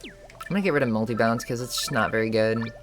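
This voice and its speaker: A man's voice: mid-range voice, quick pace, music in the background. A man streaming a video game, talking through his choices in an offhand, musing way. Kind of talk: casual gameplay commentary.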